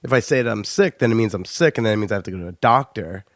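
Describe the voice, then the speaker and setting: Stuffed up from a cold, this young podcast host from the United States opens his show in a jokey, chatty way, sprinkling in frequent "uh"s. He talks very fast in an animated, low-leaning voice, recorded at studio quality without echo.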